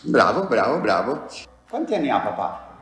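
A woman's voice: extremely low pitch, very animated, moderate pace. A woman playfully questioning a child in a mock casting, teasing and encouraging. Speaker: interviewer of children. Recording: very echoey room with faint music.

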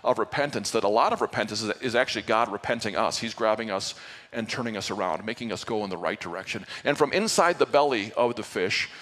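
A man's voice: fairly low pitch, lively intonation, fast, a bit bright, in a large hall. A male pastor giving an earnest Sunday sermon to his church, with playful asides. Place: church sanctuary.

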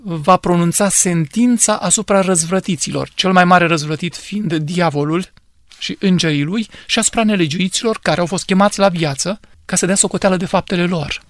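A man speaking as a pastor, giving earnest, measured biblical teaching in answer to questions. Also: high voice, dry recording, clean studio sound.

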